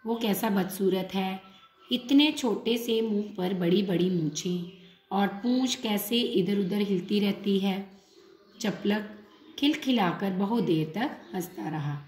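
A woman's voice: mid-range voice, darkish tone. A woman teacher reading a storybook lesson aloud and patiently retelling each line in simpler words. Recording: echoey room.

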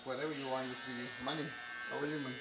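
A man's voice: mid-range voice, fairly even intonation, racing, roomy sound, noisy background. A man interviewing a barber off camera, asking short friendly questions and repeating his words.

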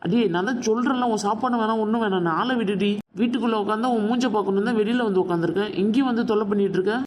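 A man's voice: sits high, very fast, slight background noise, close to an everyday voice. A man playing a proud, wounded father who speaks harshly and with resentment in a family drama. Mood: angry resentful. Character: proud wounded middle-aged father, angry.

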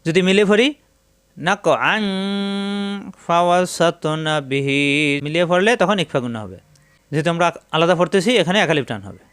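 Male Quran teacher, Bangladeshi Bengali accent, slightly high, smooth clear tone, patient and repetitive, dry close mic. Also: big pitch swings, fairly bright tone, dry recording. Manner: slow drawn-out chanting of Arabic words between plain explanations; patient, methodical, repeats each syllable. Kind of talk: step-by-step spelling and pronunciation lesson.

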